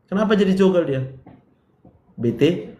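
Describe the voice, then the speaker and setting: A man's voice: sits high, expressive, normal speed, warm tone. Brash male lecturer quizzing students. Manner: quizzing students, joking, brash direct address. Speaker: medical lecturer. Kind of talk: classroom lecture. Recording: roomy echo, faint room noise.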